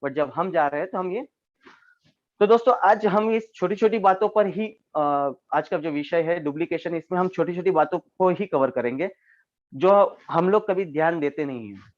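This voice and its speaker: High-voiced male trainer, lo-fi call. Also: normal speed. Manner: explanatory, keeps addressing listeners as friends. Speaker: network marketing trainer. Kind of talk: online training talk.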